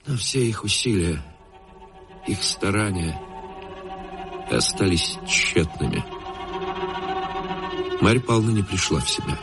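A man narrating a classic story in a measured, expressive reading. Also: sits low, music in the background. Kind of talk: literary audiobook narration.

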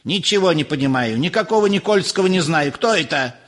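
A man's voice: on the high side, animated, brisk, a bit bright, pitched above the performer's own voice. A man voicing an irritable, scornful older professor who snaps in exasperation in an audiobook. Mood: irritated. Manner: snapping, exasperated.

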